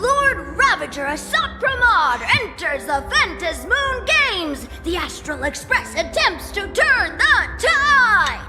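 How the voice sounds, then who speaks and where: A tiny drone critter from a video game, extremely high and squeaky. Its delivery swings excitably up and down, frantic and prone to stammered exclamations. Loud music plays behind the reverberant voice. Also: female voice, takes it slowly, few pauses, heavily acted. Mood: frantic, excited. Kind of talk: video game character acting.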